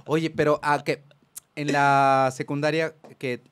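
A man with a Mexican accent and a somewhat high voice hosts a casual podcast. He keeps cutting in with teasing, jokey remarks. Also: level tone, fairly bright tone, smooth. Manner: teasing, quick jokey interjections. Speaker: podcast host.

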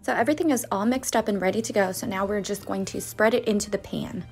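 Speaking fast at a medium pitch, a baking channel host gives a chatty, casual voice-over from her home kitchen, going step by step. Soft background music accompanies her.

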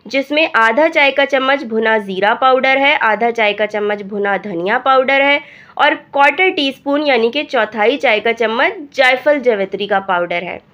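A woman narrates a home cooking recipe in a calm, step-by-step way. Her somewhat high voice is hoarse from a cold. The voice-over has a dull, lo-fi sound. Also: normal speed. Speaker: cooking channel host.

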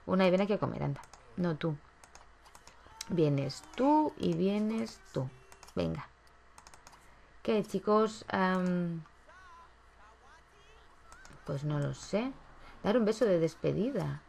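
Gravelly-voiced woman coaxing game characters. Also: lowish voice, lively intonation, slow pace, long pauses, darkish tone. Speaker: gaming YouTuber. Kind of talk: casual gameplay commentary.

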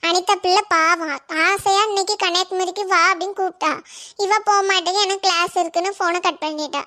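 A caring village mother in a cartoon, voiced by a woman in a very high voice. She frets and talks on at length. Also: steady tone, a little fast, sharp tone. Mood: worried. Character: caring village mother, anxious about her child.

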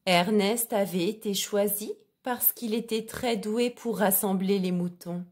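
A woman reading a children's storybook aloud in a clear, expressive way. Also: mid-range voice, unhurried.

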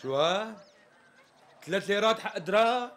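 An actor with a Syrian accent playing an exasperated customer who keeps pressing for the price. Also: male voice, high-pitched, lively intonation, normal speed, fairly bright tone. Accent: Syrian Arabic. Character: impatient male customer demanding the price.

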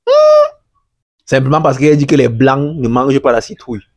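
A man's voice: medium pitch, steady tone, fast talker. A man hosting a farming channel, explaining a video to his viewers in a chatty way, speaking French as a second language. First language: not French. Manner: chatty, addresses viewers as friends. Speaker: agriculture channel host.

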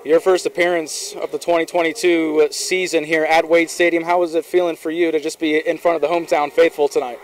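A man's voice: a little high, flat delivery, a little fast, hardly any pauses, poor audio. Young male field reporter asking questions. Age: young adult. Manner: crisp scripted questions. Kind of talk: postgame interview. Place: outdoors on a baseball field at dusk. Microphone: handheld mic.

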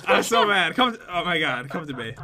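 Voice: mid-range voice, big pitch swings, moderate pace, a crowd in the background. A let's play host in casual gameplay banter, jokey and teasing, often breaking into laughter and yelps. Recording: faint background noise.

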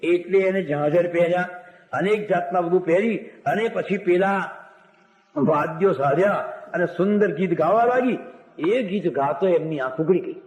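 A high-voiced male storyteller preaching a devotional sermon. He narrates old legends, slips into the characters' voices and sings short verses. His voice rings out in a roomy hall with a long echo. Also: moderate pace, darkish tone. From Gujarat, India. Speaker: religious storyteller. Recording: echoey hall recording.

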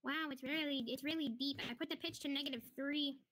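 A woman talking through a pitch-shifting voice changer, playfully trying out presets during casual chat on a game stream. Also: fairly even intonation, fairly quick, a bit bright. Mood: testing.

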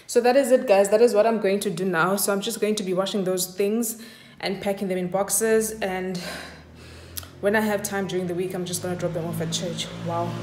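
A woman's voice: mid-range voice, brisk, roomy sound, a little hiss or hum, low-quality recording. A woman in her thirties with a South African accent, chatting casually to camera in her home kitchen as a mother vlogger. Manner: relaxed, chatty, talks to her toddler in between. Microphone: phone camera at arm's length.

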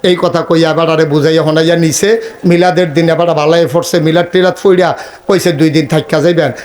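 A male preacher, telling a humorous village sermon with acted dialogue and sudden high shouts. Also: flat delivery, brisk.

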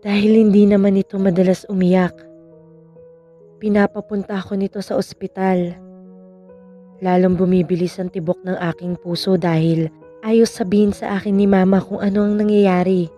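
A woman reading a scripted horror story in a calm, measured first-person telling. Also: mid-range voice, soft background music. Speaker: story narrator.

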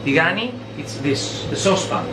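A man's voice: fairly high pitch, a little fast, heavy background noise. A Greek man in his forties with a Greek accent, a chef explaining a dish in short, broken English phrases in a restaurant kitchen. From Greece. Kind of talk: casual cooking demonstration. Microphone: handheld camera close by.

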